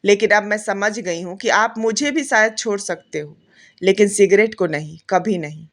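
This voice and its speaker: A woman voicing a loving pregnant young wife, reading a heartfelt letter softly in a storybook narration. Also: mid-range voice, normal speed, close to an everyday voice. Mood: tender, sorrowful.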